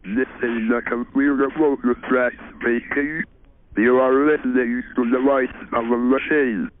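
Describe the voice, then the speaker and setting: An early computer-synthesized male robot voice reading a recorded phone announcement in a slow, evenly spaced machine delivery. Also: medium pitch, fairly even intonation. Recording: tinny lo-fi archival audio.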